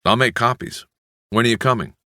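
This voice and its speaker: Eager male crime reporter, raised voice, rapid questions, read by a male narrator; dry studio sound. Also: medium pitch, dry recording, voice pushed up, close to an everyday voice. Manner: excited, quickening questions.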